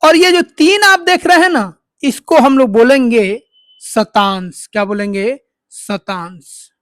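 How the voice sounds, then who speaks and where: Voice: high-pitched, fairly bright tone, no echo. Maths tutor, dry sound. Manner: repetitive, quizzes listeners with call-and-response questions; slow, step-by-step dictation. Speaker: maths teacher. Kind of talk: online tutorial explanation.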